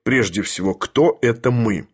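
A man voicing a haughty older professor who speaks in an imperious, lecturing, deliberate manner. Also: medium pitch, gravelly, darkish tone, breathy edge. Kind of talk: audiobook character voice.

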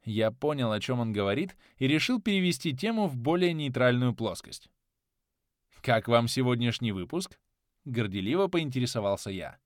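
Guy reading an audiobook, wry and chatty, lively pitch, dry close mic. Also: fairly quick, hardly any pauses, no room sound. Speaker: audiobook narrator. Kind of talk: first-person audiobook narration.

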